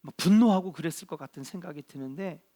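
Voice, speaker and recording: A middle-aged man preaching a sermon as a pastor, earnest and drawn-out, asking rhetorical questions and dropping in short affirming interjections. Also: on the high side, dark tone.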